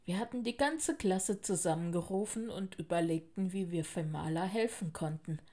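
A woman narrating a children's storybook in a clear, even storytelling manner. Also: fairly low pitch, moderate pace.

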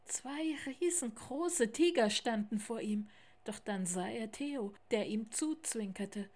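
Female storyteller, children's book, slow measured delivery. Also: on the high side, lively intonation, darkish tone.

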